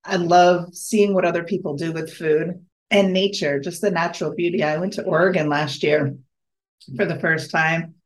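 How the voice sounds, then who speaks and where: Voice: medium pitch, fairly even intonation, moderate pace. A podcast host talking alone, eager and rambling, often breaking off and restarting sentences. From United States. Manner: enthusiastic, rambling, self-correcting. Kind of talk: casual solo podcast monologue.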